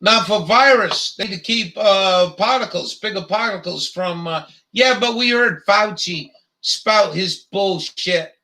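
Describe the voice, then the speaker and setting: Gravelly, high-pitched ranting man. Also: unhurried, pushed and bright. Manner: profane, heated, rambling with many fillers. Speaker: livestream host. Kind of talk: angry profane rant.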